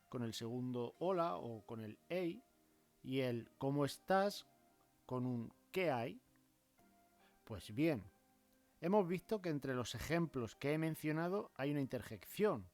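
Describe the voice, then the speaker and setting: Man explaining grammar over soft music. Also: on the high side. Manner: measured, acts out example phrases with marked intonation. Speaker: language teacher.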